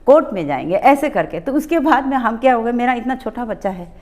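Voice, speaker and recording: A woman's voice: fairly high pitch, brisk. A middle-aged woman from Arunachal Pradesh, a public health nursing officer and guest, telling a story in conversational style and acting out the exchanges. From Arunachal Pradesh, India. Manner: animated, acts out quoted exchanges, mixes in English words.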